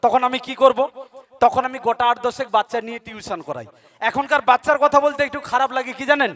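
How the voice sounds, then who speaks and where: A male stand-up comedian rattles through comic stories in an animated way. His voice sits very high and he talks fast. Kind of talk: comic storytelling.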